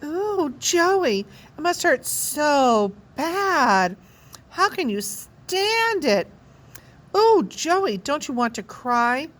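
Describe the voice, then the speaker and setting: A woman's voice: high voice, big pitch swings, very slow, voice pushed up, exaggerated voice. A woman reading aloud, voicing a gushing young schoolgirl who coos over a boy. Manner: cooing, breathy, fawning.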